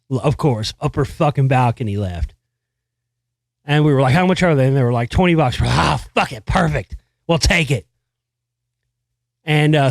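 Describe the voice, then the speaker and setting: A middle-aged man tells a story in a loose, rambling way, swearing freely and restarting his sentences. His voice sits a little high for a man. It is recorded close and dry with no room sound. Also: a little mellow, dry recording. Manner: rambling, profane, full of fillers and restarts. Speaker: podcast host. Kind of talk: casual storytelling monologue.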